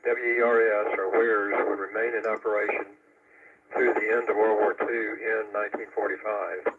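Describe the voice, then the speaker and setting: A man running an amateur radio net over a two-way radio, relaying announcements and a history talk in a halting way, with many pauses and fillers. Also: on the low side, flat delivery, a loud crowd. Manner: halting delivery with frequent "uh" fillers. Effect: heard over a two-way radio with static. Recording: tinny, distant radio transmission with static.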